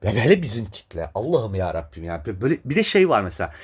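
A husky-voiced man on a podcast, venting in a heated, profane rant. His pitch leaps up and down as he talks, and he keeps breaking into incredulous laughter. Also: sing-song, fast. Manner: profane, exasperated, laughing in disbelief. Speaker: podcast host.

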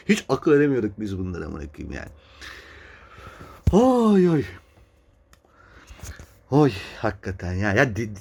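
A man's voice: medium pitch, slight background noise. A man hosting a podcast, ranting in a heated, casual way, swearing and laughing in exasperated disbelief. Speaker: podcast host.

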